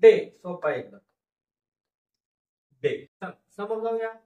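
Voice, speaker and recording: High-voiced teacher in an echoey room. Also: male voice, lively intonation, mellow, far from the mic, highs cut off. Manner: slow, repetitive syllable-by-syllable sounding out. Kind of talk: phonics lecture, sounding out words.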